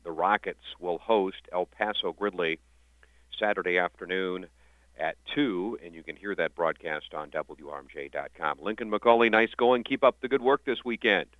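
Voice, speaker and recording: Loud, dense radio announcer man. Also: low-pitched, moderate pace, no echo. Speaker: high school sports radio host. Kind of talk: sports radio interview. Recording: dull, dry lo-fi radio sound.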